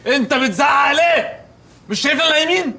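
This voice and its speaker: A touchy, grumbling sleeper whose voice swings up and down as he complains. He talks fast, with faint room noise behind. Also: extremely high pitch, expressive, gravelly, pushed and bright, heavily acted. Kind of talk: sitcom acting.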